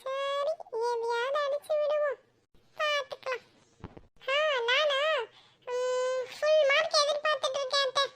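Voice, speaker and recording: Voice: very high voice, steady tone, unhurried, bright, forceful tone, full character voice. A voice actor playing a cartoon schoolboy who frets about his exam results, with worried muttering asides. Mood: bluffing. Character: anxious schoolboy fretting over exam results. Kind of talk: cartoon voice acting.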